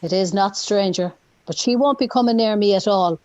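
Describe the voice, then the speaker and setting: A woman's voice: medium pitch, moderate pace, a little mellow, dry recording, muffled recording, lightly acted. A woman reading the part of a bitter old husband who is faking his death, grumbling and complaining. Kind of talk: play reading.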